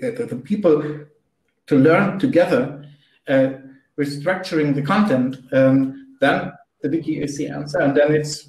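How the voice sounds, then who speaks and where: A man with a German accent speaking as a panelist in a conference discussion over a video call, halting and searching for words. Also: a little high, vocal fry, a little mellow. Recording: roomy, distant video call audio.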